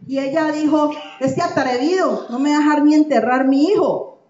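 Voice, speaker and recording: A woman's voice: high voice, moderate pace, a little mellow. A woman pastor preaching a sermon with an emphatic, repetitive cadence. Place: church. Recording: echoey church room, dull lo-fi sound.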